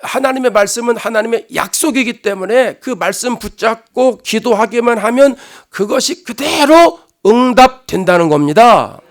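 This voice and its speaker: A male pastor giving a sermon in an emphatic, conversational style, alternating loud declarations with hushed asides. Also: very high-pitched, lively intonation, moderate pace, few pauses.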